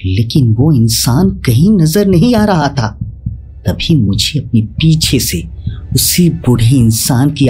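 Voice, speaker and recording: Animated male horror storyteller. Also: on the high side, husky. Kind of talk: scripted horror narration. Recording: faint background music.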